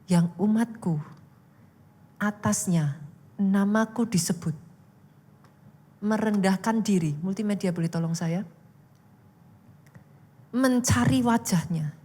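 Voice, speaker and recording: A woman pastor preaching an animated sermon, rising into loud exhortation, in a church. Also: medium pitch, takes it slowly, pauses often, slightly rough. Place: church hall. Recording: echoey church hall.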